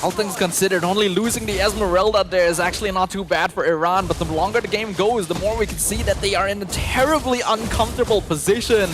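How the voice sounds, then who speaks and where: A man giving analytical esports commentary in a measured, articulate way. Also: sits high. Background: game music.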